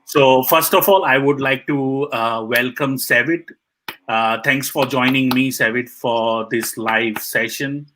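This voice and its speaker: A man hosting a live online panel over a video call, halting, with many restarts and repeated short praise. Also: medium pitch, steady tone, fairly bright tone, slight background noise, poor audio.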